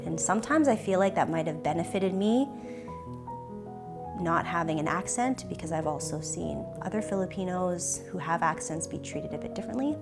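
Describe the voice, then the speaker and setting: This young Canadian woman, low-voiced for a woman, gives an animated yet thoughtful and hesitant reflective interview, frequently pausing and restarting to find the right words. She has a Canadian English accent, and faint soft music sits behind her.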